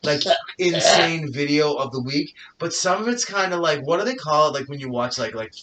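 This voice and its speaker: A man's voice: fairly high pitch, lively intonation, moderate pace, a bit bright, far from the mic. A man hosting a podcast in casual chat, rambling and swearing with lots of fillers. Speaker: podcast host.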